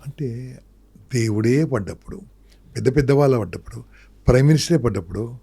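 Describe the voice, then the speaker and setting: A man's voice: medium pitch, fairly quick, vocal fry, warm tone, slightly rough. A man, a public speaking trainer, talking emphatically in an interview and firing off rhetorical questions and lists. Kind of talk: motivational interview talk.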